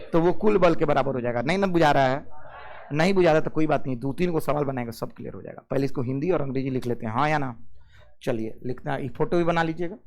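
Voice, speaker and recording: High-voiced physics teacher. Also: male voice. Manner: keeps asking the class "yes or no?" and calling students "babu"; mixes English physics terms into Hindi. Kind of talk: classroom lecture.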